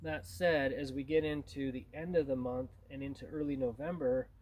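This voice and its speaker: A man's voice: medium pitch, fairly even intonation, normal speed, a little mellow, slight background noise, rough recording. A man gives an informal tutorial as a hunting instructor, in a plain-spoken, conversational way.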